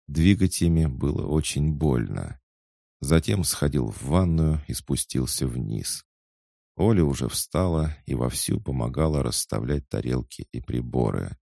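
A man narrating an audiobook in a steady, even storytelling manner. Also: very deep voice, creaky, dry recording, studio quality.

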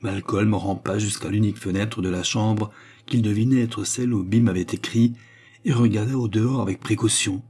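A man reading a novel aloud in a steady, measured narration. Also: fairly low pitch, husky. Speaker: audiobook reader. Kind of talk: scripted narration.

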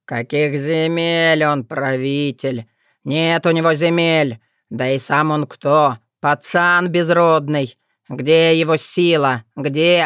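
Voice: mid-range voice, a bit bright, clean tone, dry recording, studio quality. A reader voicing a spiteful, half-mad old male forest spirit who snarls and gloats.

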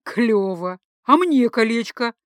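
A woman's voice: a little high, expressive, slow pace, no echo, studio quality. A woman voicing a cheeky, pushy young male student who wheedles and persuades.

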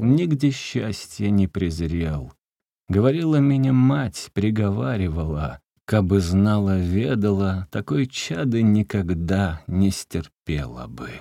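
Male reader as a drunk peasant man in despair, gravelly and dark, wailing slow and loud. Storybook. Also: low voice, no echo, studio quality, full character voice. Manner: wailing, shouting, drawn-out. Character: drunk, grief-crazed peasant man, weeping and menacing.

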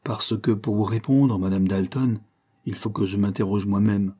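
A man voicing a bitter, ironic gentleman lawyer. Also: fairly low pitch, normal speed, slightly rough. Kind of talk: audiobook reading.

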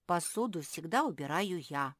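A woman voicing a gentle, puzzled young female pug in a storybook reading, speaking mildly and in wonder. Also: fairly low pitch, lively intonation, moderate pace, no room sound, clean studio sound.

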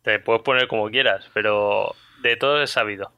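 A man co-hosts a casual podcast, talking fast with frequent laughter. His voice is strikingly bright and sharp. It sounds close and dry, with no room echo. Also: fairly even intonation, smooth. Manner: rapid, laughing, acts out friends in a high voice. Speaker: podcast co-host.

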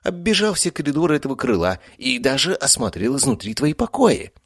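A man's voice: mid-range voice, very animated, a little fast, breathy edge, no echo, clean studio sound, pitched above the performer's own voice. A man voicing a grumbling, boastful male cat werewolf with a cheeky, purring manner in an audiobook.

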